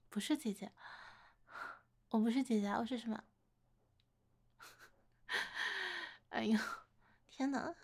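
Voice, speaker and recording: A slow, fairly high-pitched, soft-spoken older-sister figure, played by a woman in a romantic role-play audio. She teases and coaxes her admirer playfully, drawing out her words with gentle affection. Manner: coaxing, playful teasing, gentle laughter. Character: teasing, affectionate older-sister woman wooed by a younger man.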